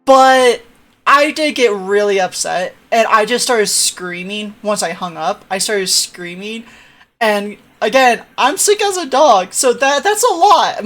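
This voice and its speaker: A woman's voice: medium pitch, a bit bright. A young adult woman telling a rambling story on a live stream, often tagging "right?" and restarting sentences. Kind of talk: casual storytelling chat.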